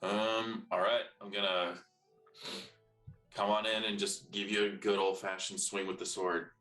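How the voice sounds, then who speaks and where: A man's voice: on the low side, little pitch movement, measured pace, bright, forceful tone. A man playing a tabletop role-playing game, calling out his moves casually and thinking aloud. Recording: roomy echo, faint music behind.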